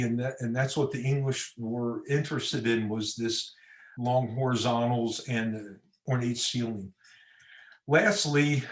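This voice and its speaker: A man's voice: mid-range voice, reverberant. A man giving an informal slide lecture on church architecture in a church setting, pointing at pictures and adding personal asides.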